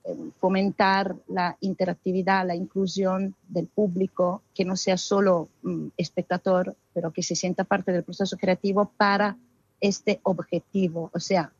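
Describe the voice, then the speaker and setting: Woman, festival founder, expressive and hesitant, dry close sound. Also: on the low side, measured pace, husky, dry recording, highs cut off. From Italy. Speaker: guest, arts festival founder. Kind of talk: interview answers.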